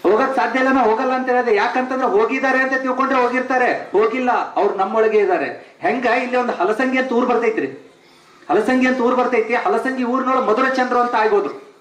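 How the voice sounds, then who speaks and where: A man's voice: extremely high pitch, fairly even intonation, a little fast, a bit bright, echoey room. A man from Bijapur with a North Karnataka accent gives a devotional tribute speech as a teacher, speaking emphatically and repeating phrases for stress. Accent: North Karnataka Kannada.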